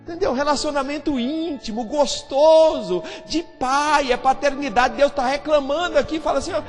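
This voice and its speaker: A man's voice: very high-pitched, moderate pace. A man with a Brazilian Portuguese accent preaching a sermon in a church, emphatic and repetitive, acting out the voices in the dialogue he quotes. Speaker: pastor. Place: church sanctuary. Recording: reverberant church hall with faint music.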